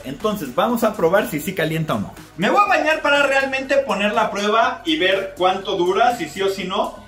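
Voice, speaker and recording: A man in his thirties with a Mexican accent, testing a product on camera at home with a jokey, excitable manner, talking straight to viewers. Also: high voice. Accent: Mexican Spanish. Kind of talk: casual on-camera product test. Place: home bathroom and shower, indoors. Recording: roomy, distant, faint music.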